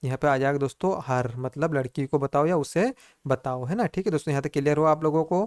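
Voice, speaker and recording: A man teaching basic English to Hindi speakers, slowly repeating each phrase and addressing his viewers as friends. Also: on the high side, a little mellow, no room sound, clean studio sound. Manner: repetitive, drawn-out teaching, says "दोस्तों" constantly.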